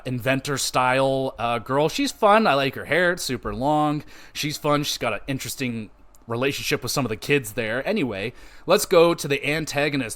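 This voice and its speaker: Casual cursing man reviewing a game. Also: medium pitch. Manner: loose, profane and animated, with many fillers and restarts. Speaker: podcast host reviewing a game.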